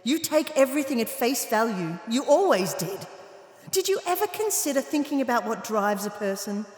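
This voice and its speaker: A woman's voice: on the high side, very animated, normal speed, darkish tone. An actress playing a scornful, imperious witch who scolds from inside a girl's head in a fantasy audio drama. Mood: accusing. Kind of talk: full-cast fantasy audio drama acting. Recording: roomy, long echoing reverb.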